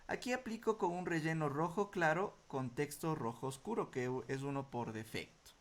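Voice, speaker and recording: A man teaching a software tutorial, explaining each step patiently and often checking in with short questions before answering his own. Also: on the high side, normal speed. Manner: asks rhetorical questions then answers them. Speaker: computer skills instructor. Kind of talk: screen-recorded software tutorial.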